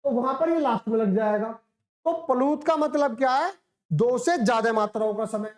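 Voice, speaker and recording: High-voiced woman teacher in an echoey room. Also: normal speed, darkish tone. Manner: explains step by step, asks questions and answers them herself; demonstrates sounds by drawing them out. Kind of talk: classroom lecture.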